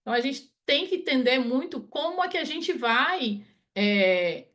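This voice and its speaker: This webinar speaker, a project management consultant from Ceará, Brazil, keeps adding "né?" to her phrases during a chatty video-call talk. Her high voice has lively intonation and a fairly bright tone, and she speaks a little slowly.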